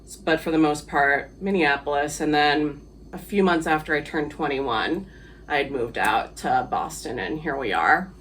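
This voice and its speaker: A man's voice: fairly high pitch, normal speed, fairly bright tone, a little hiss or hum. A man from the Philippines, a guest on an interview podcast, talking casually and hesitantly with many fillers and easy laughs.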